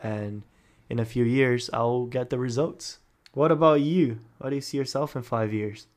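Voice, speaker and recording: A man's voice: medium pitch, normal speed, darkish tone. A young man co-hosting a casual podcast Q&A, upbeat and enthusiastic, often laughing between answers. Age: young adult. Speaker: podcast co-host. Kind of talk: casual Q&A chat. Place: home setup, recorded for a podcast.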